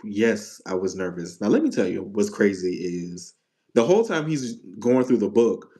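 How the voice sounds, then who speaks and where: A man in his thirties speaks in a fairly low voice. He tells his stories in an easy, relaxed way and laughs often during casual conversation. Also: normal speed. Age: 30s. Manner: relaxed storytelling, laughs easily. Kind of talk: casual chat.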